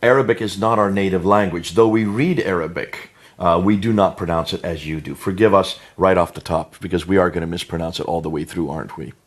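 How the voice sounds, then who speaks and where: A man's voice: sits low, a little fast, hardly any pauses. An American man co-hosting an explanatory discussion for viewers, speaking emphatically, repeating words for weight and prompting with tag questions. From United States. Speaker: co-host.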